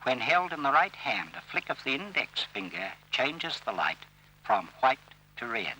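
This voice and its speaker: For the soundtrack of an old instructional film, a man records a voice-over in a very bright, crisp-edged, forceful voice at mid-range pitch with big swings in intonation. He lays out each scripted instruction in a formal, measured way. It sounds like a vintage training film, and the recording is rough.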